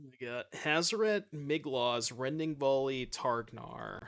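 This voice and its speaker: Using a desk mic with webcam at home, a man in his thirties streams a card game and chats and jokes with viewers. His mid-range voice is expressive and slow, a bit bright, with a clear, resonant tone.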